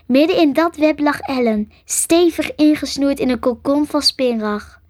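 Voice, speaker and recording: Softly whispering storybook narrator, a woman. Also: sits high, measured pace, no room sound, studio quality. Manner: soft, half-whispered narration. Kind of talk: storybook reading.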